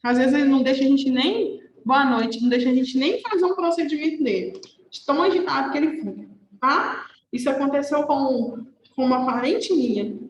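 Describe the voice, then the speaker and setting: A woman's voice: sits high, a little fast, roomy sound, slight background noise, low-quality recording. A young woman teaching an online nursing class in a chatty way, often checking with her students. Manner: conversational, checks with "tá?".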